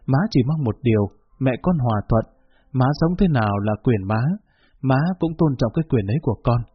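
A man's voice: mid-range voice, a little fast, slight background noise, close to an everyday voice. A man reading as a cold, blunt mother. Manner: flat, level, unbending delivery. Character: cold, blunt middle-aged mother scolding daughter. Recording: dull lo-fi recording.

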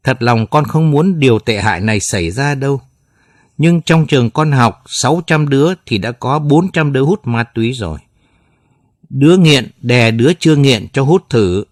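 A man's voice: medium pitch, animated, normal speed, no room sound, clean studio sound, lightly acted. A man voicing a remorseful teenage son who speaks in a subdued, crying voice.

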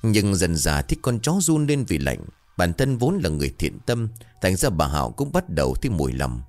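Low-voiced man narrating a ghost story. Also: very animated, fairly quick, a little mellow, soft background music. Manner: suspenseful, dramatic. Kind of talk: scripted horror story narration.

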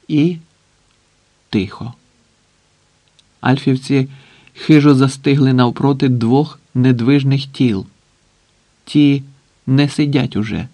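A man reads a tense story aloud at an unhurried, deliberate pace, letting long pauses hang between phrases. His voice sits at a medium pitch, and the recording is close and dry. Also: dark tone, no echo. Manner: measured, with long dramatic pauses. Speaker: audiobook narrator. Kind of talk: scripted dramatic narration.

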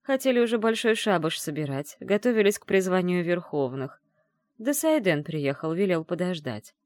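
A woman reading the part of a caring, shrewd middle-aged witch mother in an audiobook, in a gentle, teasing way. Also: fairly low pitch, very animated, normal speed, no echo, clean studio sound. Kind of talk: audiobook character voice.

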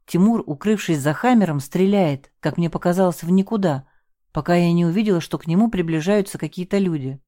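A woman reading a first-person story aloud as an audiobook narrator, raising her voice for the shouted lines. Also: fairly low pitch, fairly quick, no room sound, clean studio sound.

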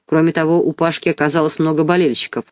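A measured reader telling a children's story chapter by chapter, in an evenly paced narration. The recording is dry and close, with a mid-range voice. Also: medium pitch, level tone, smooth, dry recording. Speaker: audiobook reader. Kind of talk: scripted audiobook narration.

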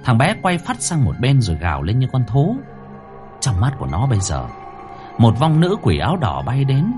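A man narrating a horror story in a dramatic, highly expressive manner. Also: moderate pace, soft background music. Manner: highly expressive, rising to cries.

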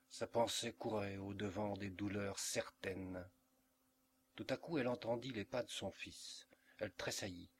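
A male audiobook reader narrating literary fiction with a measured, expressive delivery. His voice sits on the low side and he takes his time. A faint hum lingers beneath the home recording.

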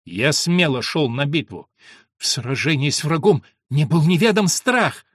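A man's voice: lively intonation, measured pace, fairly bright tone, slightly rough, no room sound, clean studio sound, full character voice. A man voicing a panicked cornered nobleman. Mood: desperate. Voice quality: shrill when crying out. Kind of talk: dramatic verse reading.

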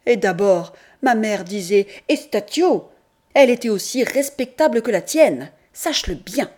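A woman reading aloud and voicing a proud, sharp-tongued country mother who scolds defiantly and with emphasis. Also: medium pitch, a little slow, natural voice. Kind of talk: audiobook character reading.

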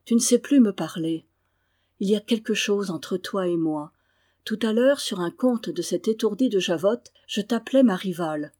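A woman's voice: mid-range voice, animated, moderate pace, dark tone, close to an everyday voice. A woman reading the lines of a tender, hurt young noblewoman in pleading tones. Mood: reproachful. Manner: pleading, tearful.

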